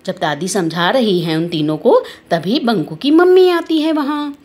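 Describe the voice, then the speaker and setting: A woman's voice: medium pitch, very animated, moderate pace, darkish tone. A woman narrating a children's doll story in a plain, matter-of-fact way.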